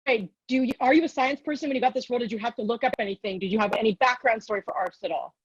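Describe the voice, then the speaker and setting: A woman's voice: a little high, racing, husky, no echo. A woman moderating a Q&A over a video call, asking questions with an upbeat, teasing manner. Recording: dry dull video call audio.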